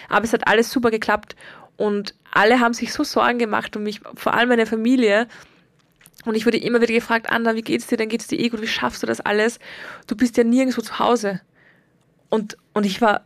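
Young woman, podcast host; reflective, earnest monologue, slightly high voice, dry close sound. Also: dry recording. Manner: earnest, reflective, stretches words for emphasis.

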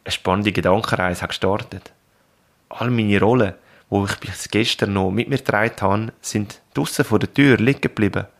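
A man with a Swiss German accent and a fairly low voice narrates in a calm, reflective way. He speaks straight to the listener like a coach, in scripted podcast style. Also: moderate pace.

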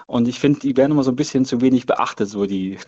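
A man's voice: mid-range voice, fast talker, warm tone. Hesitant male guest, slightly dull recording. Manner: hesitant, filler-heavy, thinking aloud. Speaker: football fan as podcast guest. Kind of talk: casual chat.

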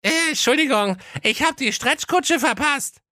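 A man voicing a dim, carefree young prince with a high goofy voice and a cheeky manner. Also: lively intonation, unhurried, sharp tone, dry recording, clean studio sound, exaggerated voice.

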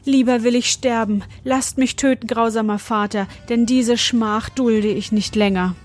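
A woman's voice: on the high side, fairly even intonation, a little slow, soft background music. Woman reading as a desperate young prince.

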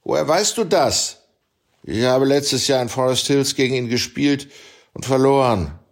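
A man voicing a cocky, self-assured male tennis ace who argues brashly, pitched higher than his own reading voice. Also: expressive, measured pace. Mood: indignant.

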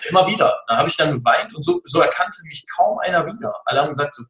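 A man in his forties tells his story in an interview. His voice sits a little high, and he speaks earnestly, in halting bursts full of fillers. The recording has a roomy echo. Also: animated, a bit bright. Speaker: guest, personality and sports mentor.

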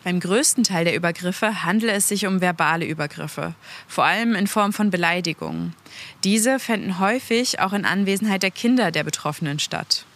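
A woman's voice: on the low side, fairly quick, a bit bright. A woman narrating a scripted report as a voice-over.

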